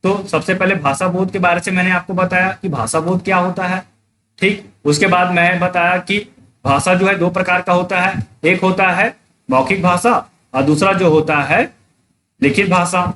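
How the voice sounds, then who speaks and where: Guy teaching an online exam class, kinda high voice, goes over stuff again and again, keeps asking if u got it, bit of hiss behind. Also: normal speed, pushed and bright. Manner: explains step by step, repeats points, checks understanding; reads out students' names in a live class.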